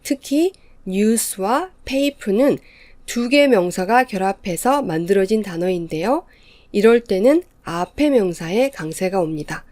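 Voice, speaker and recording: A woman lecturing as an English teacher, explaining in an even, measured way. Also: mid-range voice, dry recording. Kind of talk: scripted lecture narration.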